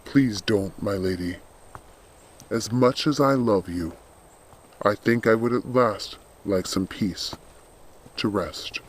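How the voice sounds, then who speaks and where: A man with a voice on the low side plays a loyal undead skeletal servant in a storybook. He speaks in a grave, earnest, measured and protective way, with a tender, weary mood.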